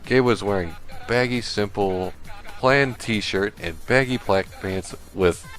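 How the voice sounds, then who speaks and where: A man doing a comedic read-aloud of a badly written story, deadpan and halting as he stumbles over the text. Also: fairly low pitch, faint music behind. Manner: slow, halting, deadpan reading broken by laughter. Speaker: stream host reading a fan fiction aloud. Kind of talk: comedic dramatic reading.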